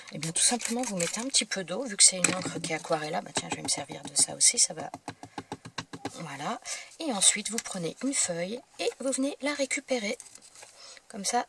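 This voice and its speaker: A woman hosting a crafting tutorial, explaining each step in a casual, unhurried way while she works, often pausing to search for words. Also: medium pitch, background noise. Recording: clicking noises behind.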